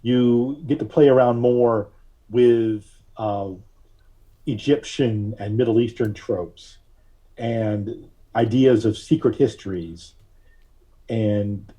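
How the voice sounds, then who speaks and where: This male podcast guest, an artist and reverend, speaks in a dark, slightly raspy voice at mid pitch. His conversational manner is halting and thoughtful as he searches for words.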